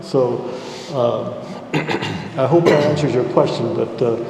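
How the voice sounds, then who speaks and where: A middle-aged or older man with an American accent gives unscripted, measured and explanatory remarks as a panelist. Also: mid-range voice, vocal fry, a little mellow. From United States. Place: large reverberant indoor hall. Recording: echoey hall, faint background noise.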